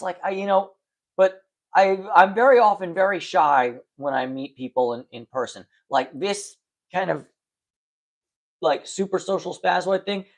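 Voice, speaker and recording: Late at night, a man talks frankly with his livestream viewers, rambling with lots of fillers. His stutter causes repeated words and restarted sentences. He speaks on the high side with a creaky voice.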